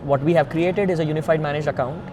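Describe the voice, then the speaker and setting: Being interviewed outdoors amid traffic rumble, a man from India, a founder with an Indian accent, talks fast in a steady tone. He lays out his points one step at a time, with earnest emphasis.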